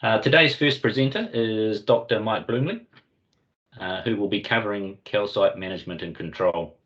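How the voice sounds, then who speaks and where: A man with a New Zealand Kiwi accent hosting a webinar, giving a formal, measured corporate introduction. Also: fairly low pitch, fairly bright tone. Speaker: webinar host and company commercial lead. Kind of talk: semi-scripted corporate presentation introduction. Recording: dull, lo-fi online meeting audio.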